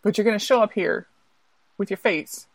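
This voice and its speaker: A woman's voice: medium pitch, normal speed, dry recording, voice pushed up, close to an everyday voice, rough recording. A woman voicing a hardworking, indignant little red hen in a told folktale, scolding in an exasperated rant.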